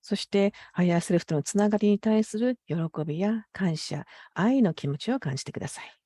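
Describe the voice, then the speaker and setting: Mellow woman interpreting, dry close sound. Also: mid-range voice, lively intonation, a little fast, dry recording. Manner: polite, careful, hesitant phrasing. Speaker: consecutive interpreter. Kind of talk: interpreting a guided meditation.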